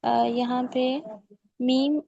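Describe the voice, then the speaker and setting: A woman's voice: sits high, flat delivery, creaky, warm tone. A woman student reciting carefully and answering her teacher's questions with some hesitation. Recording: dull lo-fi audio.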